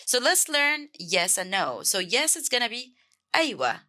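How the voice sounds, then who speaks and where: A woman from Egypt with an Egyptian accent, teaching a beginner language lesson and clearly repeating each word several times. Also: on the high side, big pitch swings, moderate pace, sharp tone. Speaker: Arabic teacher.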